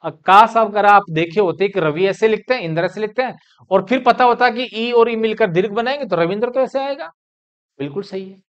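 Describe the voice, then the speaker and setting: Hindi teacher explaining grammar rules. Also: male voice, high voice, brisk, fairly bright tone, clean tone, muffled recording. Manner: explains step by step, asks and answers his own questions. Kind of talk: classroom lecture.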